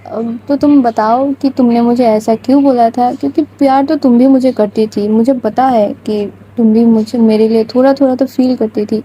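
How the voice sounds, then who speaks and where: A woman's voice: on the high side, dark tone, a little hiss or hum, lightly acted, low-quality recording. Woman doing bubbly young girlfriend Priya. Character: playful young woman in love, bubbly and pleading.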